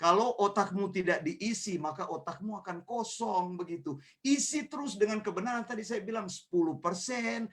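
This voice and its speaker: High-pitched guy preaching, acts out the voices in his stories, gets loud. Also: moderate pace. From Indonesia. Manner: animated, acts out voices in anecdotes, rising to shouts. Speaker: pastor. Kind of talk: sermon with storytelling. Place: church meeting.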